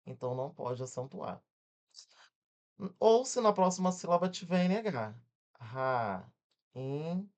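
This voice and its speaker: Spelling words out syllable by syllable, a Brazilian-accented man with a high-sitting voice teaches an energetic exam-prep grammar lesson. He keeps checking in with quick questions.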